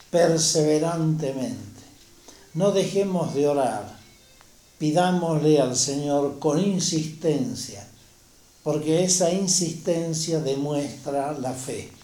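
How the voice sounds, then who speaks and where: Slow, gentle man giving a gospel reflection. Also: a little high. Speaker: priest. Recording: echoey room with faint music.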